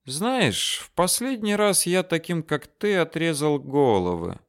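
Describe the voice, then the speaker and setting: A man voicing a calm, menacing male desert soldier officer who talks softly and mockingly. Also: a little high, measured pace, voice pushed up. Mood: coolly mocking. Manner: soft, coolly mocking.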